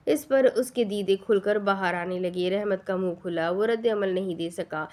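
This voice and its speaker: A woman narrating a romance novel as an audiobook, reading steadily and now and then restarting a word. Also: medium pitch. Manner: steady storytelling, occasional restarts of words.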